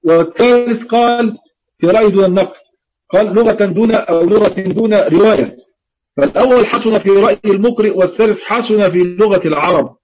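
A man's voice: high voice, a little fast, darkish tone, low-quality recording. A man teaching Quran recitation in an online lesson, explaining patiently, repeating key words and intoning example readings.

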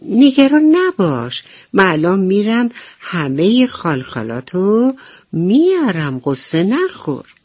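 A woman's voice: mid-range voice, very animated, pitched above the performer's own voice. An eager, chirpy little cricket, as a woman puts it on. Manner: bright, eager reassuring voice. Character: cheerful helpful little cricket, eager and kind. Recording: dull radio broadcast with soft music.

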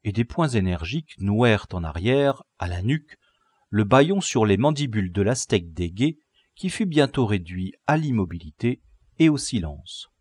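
A man reading a classic novel aloud as an audiobook narrator, measured and expressive. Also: lowish voice, breathy edge, no room sound. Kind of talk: scripted narration.

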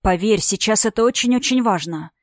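A woman voicing a calm, steady young man who speaks in a measured, consoling, slightly husky way in an audiobook story. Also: mid-range voice, dry recording, clean studio sound, lightly acted. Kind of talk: audiobook character voice.

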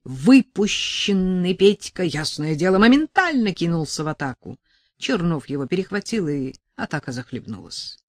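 Выразительная чтица с низким голосом ведёт повествование иронично, с широкими перепадами интонации, вплотную к микрофону. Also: female voice, fairly low pitch, moderate pace, dry recording, clean studio sound. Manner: expressive, ironic storytelling. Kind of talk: audiobook narration.

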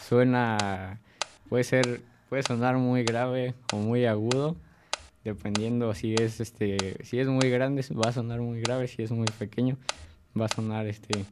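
A man's voice: mid-range voice, fairly even intonation, measured pace, background noise. A man who is a guest on a children's radio show, describing a mystery word for a guessing game and searching for his words.

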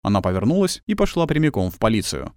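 A man narrating a story in an expressive reading voice. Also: on the low side, fast talker, smooth, no room sound, clean studio sound. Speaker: audiobook narrator. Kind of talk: scripted narration.

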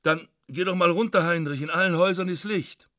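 A man's voice: high voice, fairly quick, pushed and bright, no room sound, voice pushed up. A man voicing an anxious middle-aged housewife who urges her husband along. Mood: worried urging. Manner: worried, urging. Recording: dry studio.

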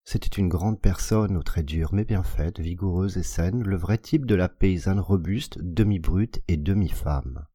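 A man narrates a classic tale for an audiobook in a measured, expressive reading. His voice is very deep and mellow with a husky texture. The close recording is dry, with no room sound. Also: no echo. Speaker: audiobook reader.

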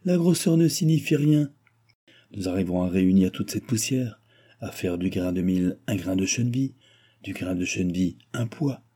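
A man voicing a frail, feverish old alchemist who pleads and cries out in high, agitated bursts. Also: lively intonation, normal speed, warm tone, slightly rough. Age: older.

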